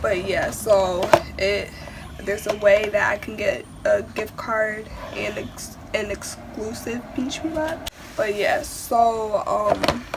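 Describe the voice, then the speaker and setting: Teen girl with a stuffy sick voice, slow and rambly, lots of background noise. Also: mid-range voice, gravelly. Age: teens. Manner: rambling, many fillers. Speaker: vlogger. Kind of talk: casual unboxing chat.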